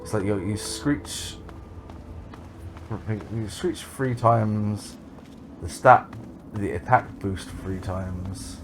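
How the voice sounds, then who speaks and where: A man's voice: on the low side, drawn-out words, long pauses, loud music behind the voice. A man streaming a game, chatting casually in a rambling way, trailing off and swearing as he goes. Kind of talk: casual livestream chat.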